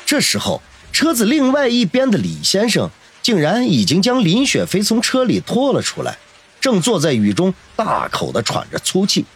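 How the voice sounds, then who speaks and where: A man narrating a novel in a dramatic, expressive storytelling voice. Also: high voice, moderate pace, husky. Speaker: audiobook narrator.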